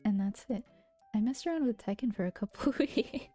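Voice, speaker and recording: Close to a regular mic, a woman chats casually on a stream in a soft, gentle voice that often sinks to a half-whisper. Her mellow tone is fairly high, animated and fairly quick, full of playful teasing and giggles. Faint, quiet music plays in the background.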